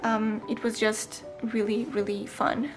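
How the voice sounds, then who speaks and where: A twenty-year-old planner vlogger flips through her planner in a casual voice-over, with frequent ums and small self-corrections. Her voice is a little high and steady, her pace measured, with music playing in the background.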